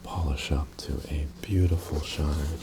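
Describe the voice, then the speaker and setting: A man in an ASMR role-play as an attentive, courteous tailor, breathy and softly presenting his wares to a customer. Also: extremely low pitch, steady tone, unhurried, noisy background. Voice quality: breathy, mostly soft-spoken.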